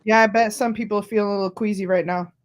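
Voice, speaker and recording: A woman's voice: mid-range voice, fairly even intonation, fast talker, slight background noise. A woman in her forties, a guest in a casual live-stream chat, snarky and sarcastic, laughing often. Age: 40s.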